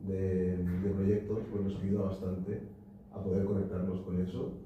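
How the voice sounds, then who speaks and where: A man's voice: low-pitched, little pitch movement, measured pace, a little hiss or hum. A young man in the audience asking a long, hesitant question at a book talk, full of fillers and tag questions. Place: lecture hall at a cultural society. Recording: echoey hall, distant and dull.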